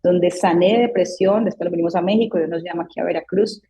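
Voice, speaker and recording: A woman's voice: fairly low pitch, steady tone, fast, warm tone, a little hiss or hum, low-quality recording. A woman in her thirties, a psychologist guest in an interview, earnestly telling her own story and acting out the voices she quotes. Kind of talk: personal testimony in a podcast interview.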